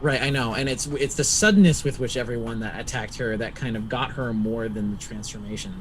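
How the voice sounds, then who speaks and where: A man with a medium-pitched voice talks casually as a tabletop player. He works out his moves aloud in a halting way, with faint noise in the background. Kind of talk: casual tabletop game chat.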